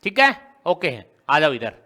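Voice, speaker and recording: A man's voice: on the high side, very animated, normal speed, sharp tone. A man teaching a maths lesson, working through a problem step by step and asking his students question after question. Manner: explains step by step, often quizzing students with rhetorical questions.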